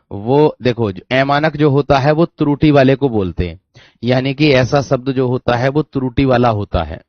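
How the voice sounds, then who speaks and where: Teaching Hindi grammar online, this man says key phrases more than once, slows his pace for dictation and regularly asks whether students have followed. He speaks in a mid-range voice with no echo, on dry, dull, lo-fi audio.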